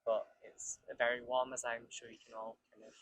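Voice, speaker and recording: A man's voice: mid-range voice, normal speed, slight background noise, poor audio. A man who works in a university international office, hosting a casual student interview with frequent ums. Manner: relaxed, many ums and kind ofs. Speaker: international office staff host.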